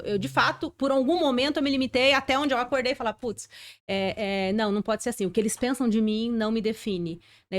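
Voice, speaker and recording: A woman from the interior of São Paulo state hosting a podcast, asking long, thoughtful questions with frequent restarts. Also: a little high. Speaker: podcast host. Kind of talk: conversational interview.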